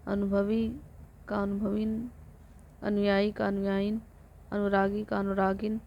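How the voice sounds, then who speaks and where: A woman teacher reciting vocabulary lists for exam prep in a flat rote way, sometimes correcting herself. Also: mid-range voice, unhurried, gravelly. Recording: dull lo-fi recording with faint noise.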